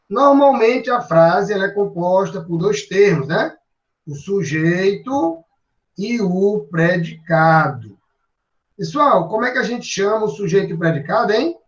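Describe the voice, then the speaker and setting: A Brazilian man teaching grammar in a slow, high voice, leaning on each point with tag words after nearly every phrase. He sounds set back from the microphone in an echoey room. The sound is dull and lo-fi. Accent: Brazilian Portuguese. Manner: drawn-out, emphatic delivery with frequent tag words. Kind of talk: classroom grammar lesson. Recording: roomy, distant, dull lo-fi sound.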